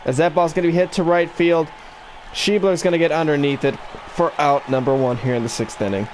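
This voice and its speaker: A man's voice: on the high side, fairly quick, some chatter behind, a little hiss or hum. A man calling a baseball video game in broadcaster-style play-by-play while he has the hiccups, recorded in a room at home. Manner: broadcaster-style play-by-play delivery, rising excitement on big plays. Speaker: gaming YouTuber.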